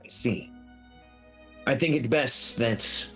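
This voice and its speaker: A man's voice: mid-range voice, slow, creaky, fairly bright tone, faint music behind. A man voicing an imperious female mummy companion in a tabletop game, speaking in a stiffly formal, grave manner. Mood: grave, measured.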